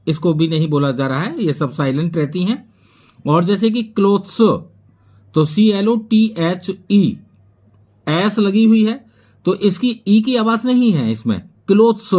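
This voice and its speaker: Man, high voice, English teacher, patient lesson, spells words letter by letter. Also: a little mellow. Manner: spells words letter by letter, then gives their meanings, addressing viewers as friends. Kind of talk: classroom-style lesson explaining English spelling.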